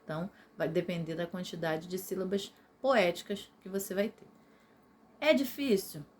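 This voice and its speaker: A woman's voice: on the low side, normal speed, darkish tone. A woman teacher with a Brazilian accent, patiently explaining a recorded video lesson to ninth graders and often checking in with her listeners. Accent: Brazilian Portuguese.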